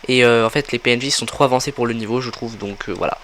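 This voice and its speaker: A man's voice: medium pitch, quick pace, slight background noise. Man casually narrating his gameplay. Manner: relaxed, thinking aloud with many fillers. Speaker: gaming tutorial creator. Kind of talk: casual game walkthrough commentary.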